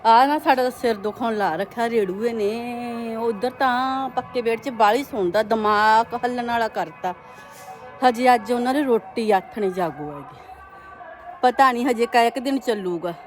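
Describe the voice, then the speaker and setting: Punjabi woman, high voice, homely family-vlog narrator chatting through chores, clear music behind her. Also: moderate pace. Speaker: family vlogger. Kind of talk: casual household vlog chat.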